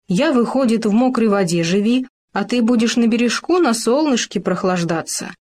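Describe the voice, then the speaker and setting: A woman voicing an excitable young male gopher who loves making discoveries, in a children's storybook reading. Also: on the high side, normal speed, pitched above the performer's own voice. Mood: eager. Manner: eager, insistent, breathless with enthusiasm.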